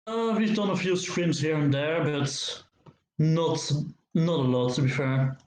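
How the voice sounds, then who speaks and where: A man, an esports player, answering post-match interview questions over a call, his voice echoing as if in a cave, halting and repeating words. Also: on the high side, a little mellow. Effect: echoey cave-like sound on his voice. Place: living room. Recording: roomy echo over an online call.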